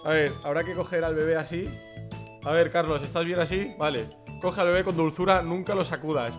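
Young man, high voice, excitable gameplay commentary over music, swears a lot. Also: fairly quick. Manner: excitable, joking, swears often. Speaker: gaming youtuber.

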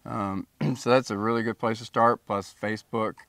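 A man in his fifties, a conservation expert, explaining plainly in a relaxed outdoor interview on a lapel mic. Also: lowish voice, normal speed, creaky, no echo. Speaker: bat conservation guest expert. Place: outdoors by a cave.

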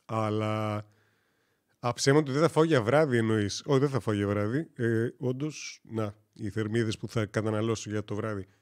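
With a fairly low-pitched voice, this man from Greece rambles through stories on his gaming live stream, cracking jokes and stopping to correct himself along the way.

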